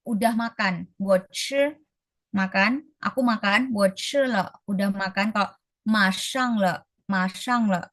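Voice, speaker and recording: A woman's voice: mid-range voice, fairly bright tone, dry recording. Woman teaching Mandarin phrases. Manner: explains quickly, then says Mandarin phrases slowly. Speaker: Mandarin tutor. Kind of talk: online language class.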